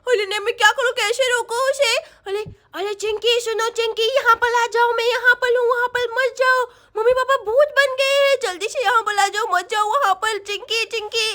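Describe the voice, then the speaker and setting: A woman's voice: very high-pitched, steady tone, normal speed, few pauses, bright, forceful tone, pitched above the performer's own voice. A woman voicing a frightened young schoolgirl doll who talks in panicky, tearful exclamations. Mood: urgent.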